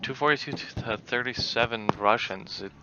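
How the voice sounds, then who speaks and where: Casting note: male gamer, mid-range voice, excitable play-by-play over loud battle sounds. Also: mid-range voice, moderate pace, dull audio. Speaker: gaming channel host. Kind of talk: live gameplay commentary. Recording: game battle noise behind voice.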